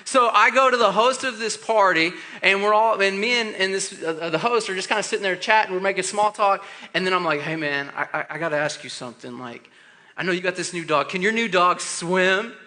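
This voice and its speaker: A man's voice: high voice, brisk. A man preaching as youth pastor to students, telling a story and acting out the voices in it. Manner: animated, acts out quoted voices. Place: church youth room.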